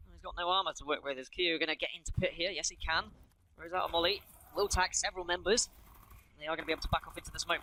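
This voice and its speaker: Male play-by-play caster, West Country English, rapid delivery, crisp bright tone, throws in jokey asides. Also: on the high side, low-quality recording. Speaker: esports commentator. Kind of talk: play-by-play commentary.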